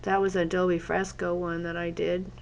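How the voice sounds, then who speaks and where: A woman's voice: lowish voice, little pitch movement, normal speed, gravelly, darkish tone, slight background noise. A woman with a congested cold voice, chatting casually and rambling as a fitness teacher while she draws in her journal. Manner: rambling, chatty, wanders off topic. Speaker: fitness instructor and journaling vlogger. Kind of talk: casual chat while drawing.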